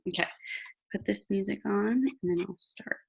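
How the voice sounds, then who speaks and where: A woman's voice: mid-range voice, moderate pace, gravelly. A woman leading a guided meditation for a group, talking in an informal, instructional way. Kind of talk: casual chat with a group before a meditation; slow guided meditation from line 81.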